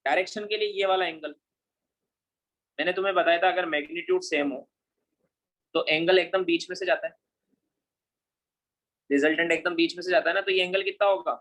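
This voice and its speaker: A man's voice: high voice, fairly even intonation, fairly quick, long pauses, fairly bright tone. A male physics teacher lecturing a class, often checking whether the students have understood and mixing English terms into his speech. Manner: keeps checking students follow, asking "understood?".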